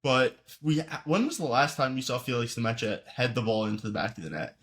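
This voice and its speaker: A man's voice: medium pitch, brisk, fairly bright tone. A man co-hosting a casual podcast chat, blunt and joking. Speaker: podcast co-host.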